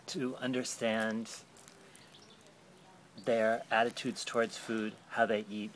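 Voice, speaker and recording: Interviewer, male, deeper voice, thoughtful and meandering, slight noise behind. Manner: thoughtful, rambling explanations with fillers. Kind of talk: explaining a book project in an interview.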